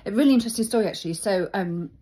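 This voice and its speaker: A middle-aged woman talking reflectively about her feelings, thoughtful and halting as she searches for words. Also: mid-range voice, lively intonation, dark tone, husky. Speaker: vlogger. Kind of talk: reflective personal talk.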